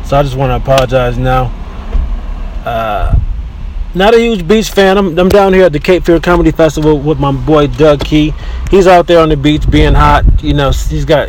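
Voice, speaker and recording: Man talking over a low-quality in-car recording. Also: darkish tone. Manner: talkative, opinionated, with frequent restarts. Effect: low-quality in-car recording with faint background noise. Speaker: podcast host. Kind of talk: casual solo podcast monologue. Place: inside a car near a beach.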